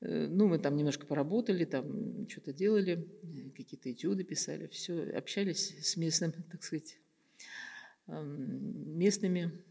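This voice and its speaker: There's a gravelly, slightly rough texture to the slightly low voice of this older woman from Kazakhstan, a guest artist giving reflective interview talk. She speaks slowly and thoughtfully with many pauses and fillers, searching for words, seated at a table microphone on a stand in a bright room with noticeable reverb.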